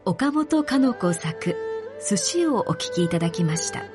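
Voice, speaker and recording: A woman reading narration and closing notes in a clear, composed way. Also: medium pitch, big pitch swings, unhurried, over music. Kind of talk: literary reading.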